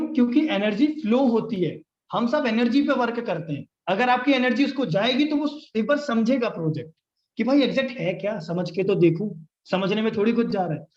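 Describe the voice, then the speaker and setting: Leading a live online sales session, this young man coaches with lots of energy and acts out both parts of short practice chats. His voice is fairly high, and it sounds roomy and slightly dull, typical of live-stream audio.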